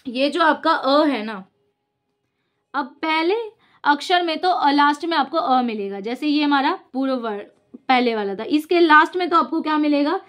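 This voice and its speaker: A young woman teaches a casual lesson with a high voice. She works through examples one by one, asking a question and then answering it herself. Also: expressive, moderate pace, a bit bright.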